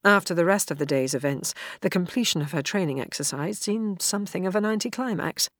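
An audiobook narrator with a fairly low voice reads a novel aloud in scripted narration. Her storytelling is measured and even, and the studio-quality recording has no echo.

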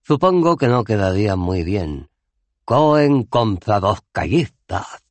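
A man voicing a gruff, weary old barbarian hero who has no teeth, in an audiobook. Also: fairly low pitch, very animated, slow pace, dry recording, voice pushed up. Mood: wistful. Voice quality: toothless, mumbling. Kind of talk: audiobook character voice.

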